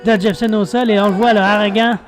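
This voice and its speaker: A man with a Québécois French accent gives live wrestling play-by-play as a commentator, calling each move with excited exclamations. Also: sits high, fast, over music. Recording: noisy venue with loud crowd behind.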